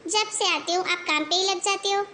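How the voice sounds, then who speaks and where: A woman's voice: very high voice, moderate pace, pushed and bright, a little hiss or hum. A woman voicing a spoiled young married daughter in a cartoon, whining about her in-laws. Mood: chatty.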